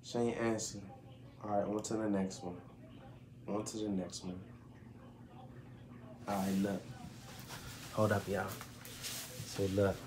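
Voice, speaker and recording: A young adult man doing prank call vlogs talks casually to the camera from a small room at home, slangy and profane and often repeating himself. His lowish voice is flat and slow, with long pauses. The camera mic sits a short way off, catching faint room noise.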